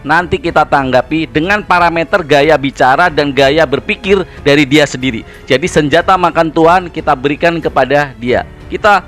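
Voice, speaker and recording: A man's voice: on the high side, moderate pace, few pauses, fairly bright tone, soft background music. A man hosting a channel, giving heated, mocking reaction commentary in a combative way. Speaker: channel host.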